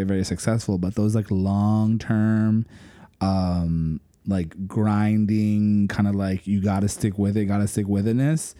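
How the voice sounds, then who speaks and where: A man's voice: on the low side, mellow, dry recording, studio quality. A man with a Miami accent co-hosting a casual podcast, reflective and colloquial, peppering his talk with 'like'. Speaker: podcast co-host.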